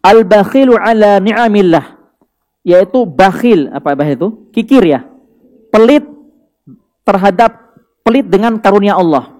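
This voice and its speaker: High-voiced man preaching a lively sermon. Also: normal speed, pauses often. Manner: animated storytelling with Arabic phrases and chuckles. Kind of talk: sermon with storytelling.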